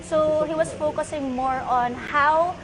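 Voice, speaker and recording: A woman's voice: high-pitched, steady tone, a little slow, crowd noise, low-quality recording. A woman actress with a Filipino accent, reflecting hesitantly on working with a co-star. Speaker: actress interviewee.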